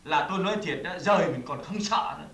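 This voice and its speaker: A man's voice: on the high side, quick pace, fairly bright tone, roomy sound, recorded from a distance. A man acting in a stage comedy sketch, boastful and coaxing as he pushes his friend to be brave.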